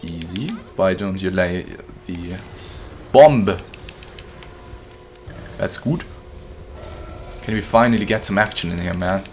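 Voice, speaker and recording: A man's voice: low-pitched, takes it slowly, long pauses, darkish tone, slight background noise. A man casually commenting on his gameplay during a live stream, joking and chatting with his viewers. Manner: joking, chatty, reads chat aloud. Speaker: game streamer.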